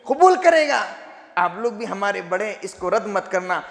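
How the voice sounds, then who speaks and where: A young male preacher delivers a Friday sermon with fervor, often breaking into shouts. His voice sits very high and has a gravelly edge. The sound rings with the long echo of a large hall. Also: steady tone, normal speed. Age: young adult. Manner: impassioned, rising to shouts. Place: mosque hall. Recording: echoey hall reverb.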